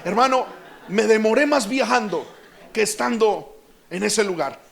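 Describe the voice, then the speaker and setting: A Colombian man preaching a passionate sermon as pastor, building up to shouts. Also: sits high, lively intonation, measured pace, vocal fry.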